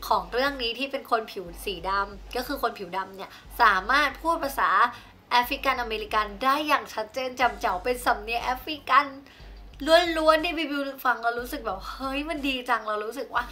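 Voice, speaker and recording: A woman's voice: a little high, a little fast, bright, forceful tone. A young woman vlogger chatting casually through a numbered movie rundown, with polite particles at the end of her sentences.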